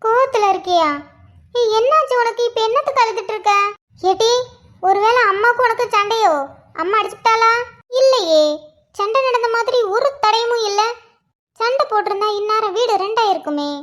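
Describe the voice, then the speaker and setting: Woman playing a nosy younger schoolgirl sister in a cartoon, teasing, prying, high voice. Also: moderate pace, long pauses, a bit bright. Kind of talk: cartoon voice acting.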